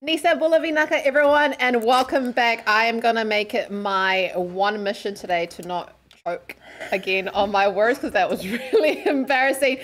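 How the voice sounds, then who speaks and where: A woman's voice: on the high side, normal speed, fairly bright tone. A woman co-hosting a casual live podcast, chatting in a playful, self-deprecating way. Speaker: podcast co-host. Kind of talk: casual live show chat.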